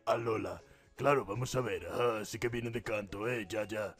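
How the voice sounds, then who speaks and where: A man voicing a grumpy male office clerk who mutters in a low, flat bureaucratic tone. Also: moderate pace, soft background music. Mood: stiff. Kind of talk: comic game dub.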